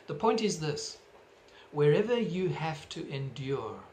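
With measured, emphatic phrasing, a middle-aged South African pastor delivers a sincere sermon at home. His voice sits a little high for a man. A webcam at desk distance captures him, and a faint room hum lingers under the sound.

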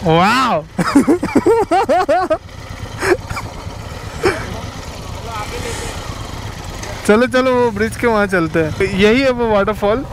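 A young motovlogger gives casual, chatty commentary outdoors, talking to viewers like friends while riding his motorbike and at a rocky riverside. His voice sits high, at a moderate pace with hardly any pauses. Road, wind, and engine noise come through clearly.

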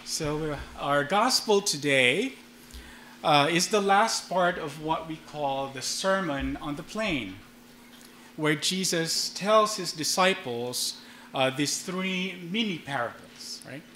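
Unhurried male priest preaching in echoing church. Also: fairly high pitch, expressive, pushed and bright. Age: middle-aged. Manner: conversational, checks in with listeners. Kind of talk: informal homily. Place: stone church interior. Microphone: gooseneck microphone at lectern. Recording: echoing church, faint background noise.

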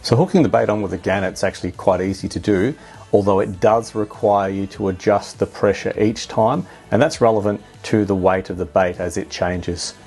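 A man's voice: on the low side, a little mellow, breathy edge. A man with an Australian accent gives a matter-of-fact product review as a voice-over, explaining features plainly. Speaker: drone reviewer.

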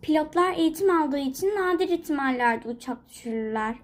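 A woman's voice: sits high, animated, fairly quick. A woman voicing a mother pet in a toy figure video, reassuring but scolding.

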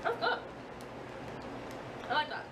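A woman chatting casually in a taste-test video, reacting to the candy as she talks with her mouth full. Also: slow. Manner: chatty, reacting to each bite. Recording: echoey room, distant mic, loud background noise.

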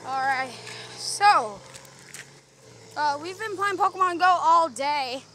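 High bright excitable young woman. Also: slow, slight background noise. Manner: excitable, jokey. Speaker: channel host playing a mobile game. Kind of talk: casual chat while walking.

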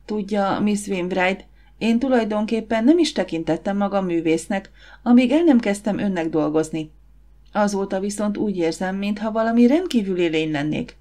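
A woman's voice: mid-range voice, warm tone, lightly acted. A woman voicing a bashful young sculptor. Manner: bashful, earnest. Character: shy young male kitchen worker and sculptor.

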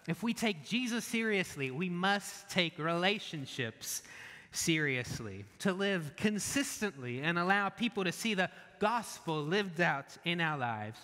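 A man preaching a church sermon in an earnest way, then leading a quiet prayer. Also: fairly high pitch, long reverb tail. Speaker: pastor. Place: church sanctuary.

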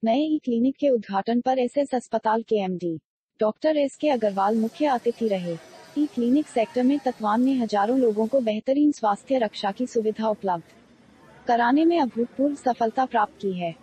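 Woman, news voice-over, mellow tone, fairly high voice. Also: normal speed, a little hiss or hum. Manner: formal read delivery. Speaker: news narrator.

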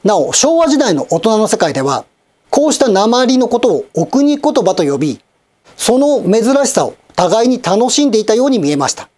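A man in his fifties hosting a channel, giving polite, measured, scripted news-style commentary with wry asides. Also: high voice, very animated, a little mellow. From Japan, Osaka and Kochi.

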